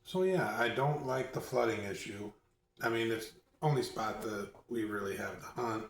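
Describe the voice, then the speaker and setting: A man hosting a casual chat, talking softly and teasing his friend, recorded on a phone across an echoey room. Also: mid-range voice, moderate pace, distant mic. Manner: soft-spoken, teasing. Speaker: host. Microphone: phone across the room, no mic.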